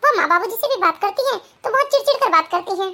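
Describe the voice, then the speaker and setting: A gentle young newlywed from an animated family tale, as a woman plays her, soft and eager to please. The voice is very high and bright. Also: fast talker, exaggerated voice. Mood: meek. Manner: soft, obliging, hesitant. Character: meek, simple young new bride.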